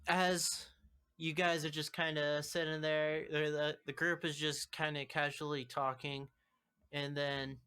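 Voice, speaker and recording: A man's voice: on the high side, level tone, a little slow, bright, forceful tone, smooth. A man narrating as game master, loose and chatty with his players.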